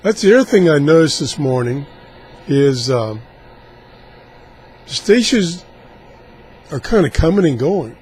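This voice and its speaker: A man casually demonstrating radio scanning, haltingly thinking aloud as he goes. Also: fairly high pitch, very animated, darkish tone, a little hiss or hum. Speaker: radio hobbyist host.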